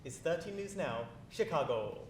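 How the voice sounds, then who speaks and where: A woman voicing a pompous male news anchor in a deep put-on voice, for a comedy sketch. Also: animated, moderate pace. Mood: boastful. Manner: deep put-on voice, mock-proud. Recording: roomy, distant, noisy.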